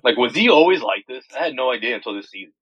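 A man's voice: mid-range voice, animated, rapid-fire, muffled recording. A man chatting casually as a sports podcast panelist, blunt and full of slang. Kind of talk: casual chat.

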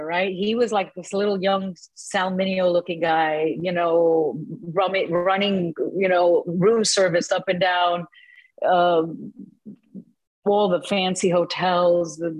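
A woman in her sixties, an actress telling stories in a casual interview, animated and quick to laugh, with many fillers. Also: on the low side, no room sound, low-quality recording. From born in Cuba, raised in New Jersey. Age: 60s.

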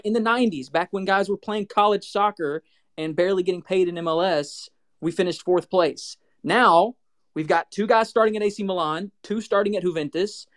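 A man co-hosting a casual sports talk podcast, asking questions and making his case in a measured way. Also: high voice. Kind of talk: casual sports talk on a live audio chat.

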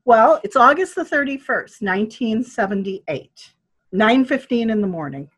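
An older woman telling a personal story in a casual, animated way, acting out quoted voices and laughing often. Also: a little high, moderate pace, slightly rough. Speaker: guest telling her birth story.

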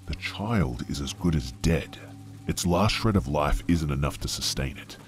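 A sinister painted shadow creature from a horror story, put on by a man narrating, hissing its temptations in a hushed, breathy whisper. The voice sits very deep and low, with a faint bed of music underneath. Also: expressive, measured pace. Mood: coaxing whisper.

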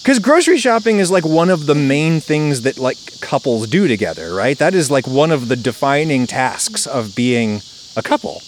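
A man's voice: a little high, big pitch swings, moderate pace. A man hosting a casual podcast from a backyard, talking in a wry, conversational way with cicadas and frogs behind him. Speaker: podcast host. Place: outdoors in a backyard at home. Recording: outdoor recording with clear insect noise. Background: loud chorus of cicadas, some frogs.

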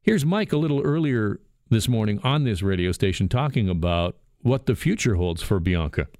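A man's voice: lowish voice, lively intonation, moderate pace, darkish tone, dry recording. A man hosting a radio talk show from a studio booth, chatty and jokey. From Canada. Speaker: radio host. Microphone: studio microphone.

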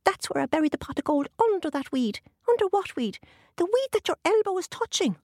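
A woman voicing a frightened, tricky little male leprechaun who squeaks, stammers and pleads. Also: big pitch swings, fairly quick, a little mellow, no echo, studio quality, full character voice. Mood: nervous.

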